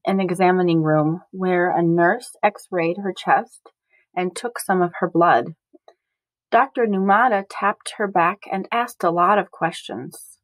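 A woman reading a chapter book aloud slowly and carefully for beginning readers. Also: medium pitch, no echo, low-quality recording. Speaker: storybook reader.

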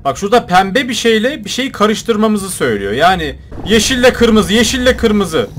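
High, bright-voiced excitable young gamer guy. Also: moderate pace, slight background noise. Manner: excitable, shouts and jokes at game characters. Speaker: gaming YouTuber. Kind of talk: let's play commentary.

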